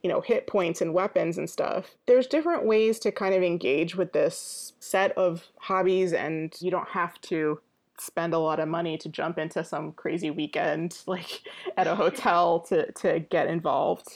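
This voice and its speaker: A woman's voice: on the low side, unhurried. A woman chatting as a podcast guest, talking loosely with lots of "like" and "you know" fillers. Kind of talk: casual interview chat.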